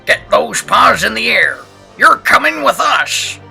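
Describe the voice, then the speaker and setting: A man voicing a small, brave, bossy male mouse commander in a storybook, squeaky and creaky, barking out orders. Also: big pitch swings, unhurried, bright, forceful tone, soft background music, exaggerated voice. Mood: commanding. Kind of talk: storybook character voice.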